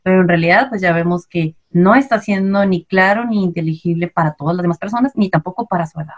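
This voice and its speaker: A woman's voice: on the low side, quick pace, muffled recording. A woman with a Mexican accent, a child language specialist, patiently explaining in an interview and posing rhetorical questions. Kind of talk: expert interview answers.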